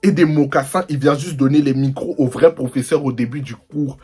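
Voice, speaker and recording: A young man from the Paris suburbs telling a slangy, animated storytime to his viewers. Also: mid-range voice, fairly quick, breathy edge, soft background music. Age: young adult. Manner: animated and slangy, mimics people. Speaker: vlogger. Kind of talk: storytime vlog.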